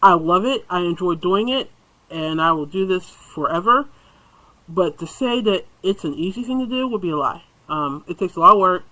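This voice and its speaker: A man's voice: sits high, animated, moderate pace, sharp tone, poor audio. A man chatting casually while he crochets and reviews hooks on camera, rambling and muttering asides to himself.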